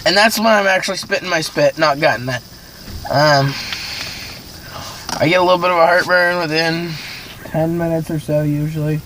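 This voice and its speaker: Young guy from maine, kinda high voice, rambly hesitant vlog talk, lots of background noise. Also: normal speed, long pauses, fairly bright tone, poor audio. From northern Maine, United States. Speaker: amateur video reviewer. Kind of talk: casual vlog chat.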